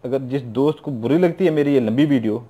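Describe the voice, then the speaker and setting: A middle-aged man with a Pakistani Urdu accent, talking through instructions in a loose, repetitive way. His voice is mellow and dark in tone, at an ordinary pitch for a man. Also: quick pace. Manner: repetitive, informal, keeps adding "theek hai na". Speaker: YouTube occult practitioner. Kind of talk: casual spoken instruction.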